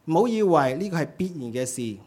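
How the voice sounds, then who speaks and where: A man preaching a sermon to his congregation, exhorting earnestly and dropping low and quiet between emphatic calls. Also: big pitch swings, a little fast, slightly rough.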